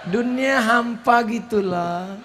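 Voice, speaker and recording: Pria memerankan istri muda yang merayu manja. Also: male voice, very high voice, slow pace, a bit bright, a little hiss or hum, pitched above the performer's own voice, exaggerated voice. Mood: pleading. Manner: wheedling, pleading. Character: clingy young wife, sweet-talking husband.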